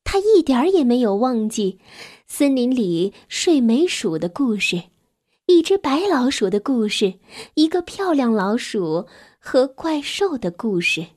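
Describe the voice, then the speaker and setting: Gentle, slow woman reading a bedtime story. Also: fairly high pitch, very animated. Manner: gentle, soft, sometimes drops to a whisper. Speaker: children's story host.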